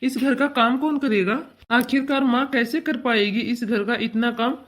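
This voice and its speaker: A woman's voice: on the high side, fairly even intonation, moderate pace, lightly acted. A woman voicing a caring young man in a cartoon, who talks in an earnest, coaxing way. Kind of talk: cartoon dubbing.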